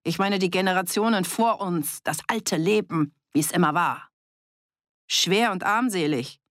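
A woman's voice: fairly low pitch, measured pace, no echo, studio quality, lightly acted. A woman voicing a sly male village troublemaker who speaks scornfully and provokes. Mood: provoking.

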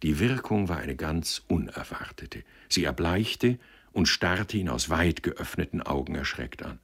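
A man reading a novel aloud in a calm, measured narration. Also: a bass voice, breathy edge. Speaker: audiobook reader. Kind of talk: literary narration.

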